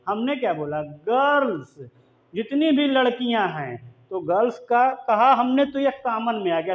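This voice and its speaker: Guy teaching grammar real slow, highish voice, keeps asking okay? and saying brother, kinda dull lo-fi sound. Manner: repeats checks like "okay?" and calls listeners "brother"; reads English definitions slowly, word by word. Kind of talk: explanatory classroom lesson. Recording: dull lo-fi recording.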